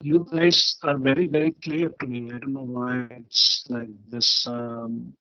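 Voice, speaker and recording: Slow halting man on a glitching call. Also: mid-range voice, fairly even intonation, sharp tone, no room sound, highs cut off. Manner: hesitant, halting, with many fillers. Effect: glitching, choppy call audio. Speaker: study group participant. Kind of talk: casual online discussion. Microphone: online video call over a mobile connection.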